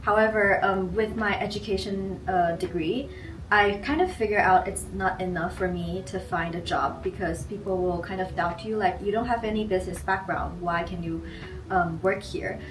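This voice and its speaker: A woman in her twenties with a Taiwanese accent explains her background easily, with occasional fillers. Her voice sounds distant and roomy. Clear background noise sits under it. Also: mid-range voice, steady tone, normal speed. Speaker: interviewee, graduate student. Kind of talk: casual interview. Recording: echoey room, distant mic, noisy.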